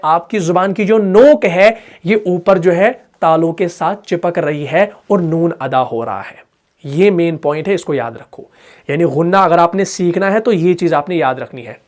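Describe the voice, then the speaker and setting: A man teaches Quran recitation in a patient explanatory lesson. He repeats each point, asks whether it is clear, and voices the sounds himself. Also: sits high. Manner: demonstrates sounds aloud.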